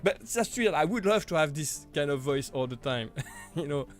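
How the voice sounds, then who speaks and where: A male live stream host answers viewer questions in a casual Q&A, his higher-register voice temporarily deepened as he gets over an illness. He's chatty and halting, with lively intonation, frequent small laughs and "you know," over soft background music.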